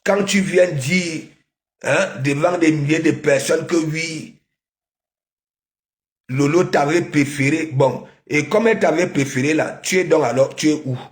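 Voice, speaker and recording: A man talks straight to his viewers in scolding gossip commentary, going over the same phrases again and again and tagging them with questioning "hein?"s. His voice sits a little high and he speaks slowly. The room around him rings with echo. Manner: repeats phrases with constant "hein?" rhetorical questions. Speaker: online commentator.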